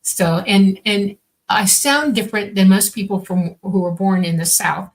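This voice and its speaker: A woman in her sixties, Swedish by first language, co-hosts a casual podcast and rambles with many fillers and restarts. She was born on a military base, raised all over, and is a contactee. Her voice is medium-pitched and unhurried, with fairly even intonation.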